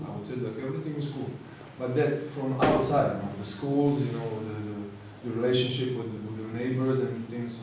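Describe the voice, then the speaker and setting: A Croatian man, a recovering addict, gives a personal testimony talk, halting and searching for words with frequent "you know." His mellow, mid-range voice is picked up by a distant mic in an echoey hall with faint noise.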